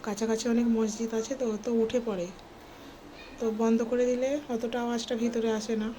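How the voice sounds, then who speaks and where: Mom in her 30s vlogging at home, chatty, lots of fillers, soft voice sometimes, noisy background. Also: a little high. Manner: chatty, filler-heavy, talks softly at times so the baby keeps sleeping. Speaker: vlogger and mother. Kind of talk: casual home vlog narration. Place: small home, indoors. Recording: home recording with clear background noise.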